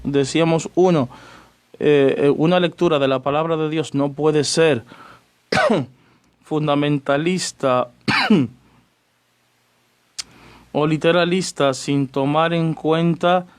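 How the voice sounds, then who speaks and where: Chatty priest on radio. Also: male voice, a little high. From Dominican Republic. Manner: chatty, greets listeners by name between points. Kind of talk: radio teaching on church doctrine.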